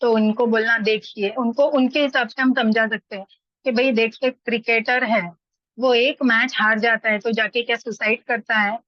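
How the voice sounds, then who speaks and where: A woman's voice: on the high side, a bit bright, no echo. A middle-aged woman talking casually in a study group, telling everyday stories and acting out the people she quotes. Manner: chatty, anecdotal, acts out quoted voices. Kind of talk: casual spoken discussion. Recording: dull lo-fi dry sound.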